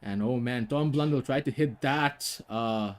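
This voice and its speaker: A man's voice: mid-range voice, measured pace. A young man doing casual, chatty commentary on a cricket video game, laughing often and using lots of fillers.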